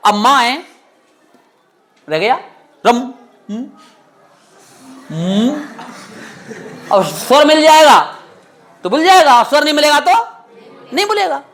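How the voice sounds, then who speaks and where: A man teaching a grammar lesson to a class, stern and scolding, who keeps firing quick questions at his students. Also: very high-pitched, fairly bright tone.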